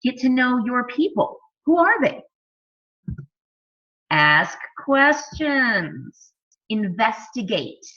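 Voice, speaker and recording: A woman's voice: a little high, big pitch swings, very slow, long pauses, pushed and bright, lo-fi sound. A woman in her thirties, a fitness coach, giving a casual sales talk full of "like", "you know" and rhetorical questions. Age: 30s.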